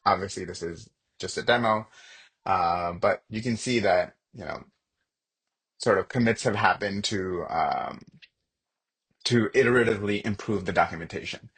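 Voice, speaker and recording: A man giving a casual screen-share software demo, talking in a relaxed, conversational way as he thinks aloud while clicking through. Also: low-pitched, moderate pace, pauses often, slightly rough.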